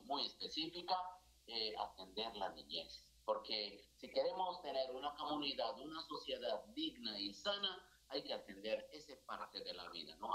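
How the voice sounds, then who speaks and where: A middle-aged Indian priest who directs a foundation is interviewed live on TV by video call from a small indoor office with a religious statue. His medium-pitched voice is bright and forceful, his Indian-accented phrasing halting and non-native, with many fillers. He's earnest and gestures a lot, and the recording is low quality; his first language is not Spanish.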